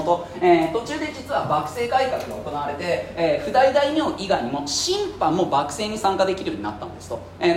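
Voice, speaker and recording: A man's voice: sits high, roomy sound, slight background noise. A man teaching history in a casual, joking lecture style, chatty with many fillers. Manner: rapid, jokey, chatty, with frequent fillers and laughs. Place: classroom.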